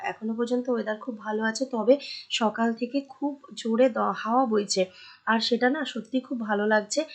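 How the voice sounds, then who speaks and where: Hoarse woman narrating her day. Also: fairly high pitch. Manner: chatty, addresses viewers directly. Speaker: vlogger. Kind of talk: casual voice-over vlog narration.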